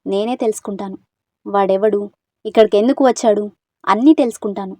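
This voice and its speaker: A woman's voice: mid-range voice, steady tone, a little fast, no room sound, clean studio sound, natural voice. A woman doing a sulky, spirited young woman. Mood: defiant. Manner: sharp retorts.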